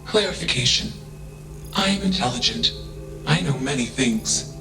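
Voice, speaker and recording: An actor voicing a curious, self-aware machine intelligence that speaks in flat, emotionless, clipped statements, each one introduced with a label. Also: male voice, medium pitch, moderate pace, gravelly, rough recording. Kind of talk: video game dialogue. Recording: game audio with loud music behind. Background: music.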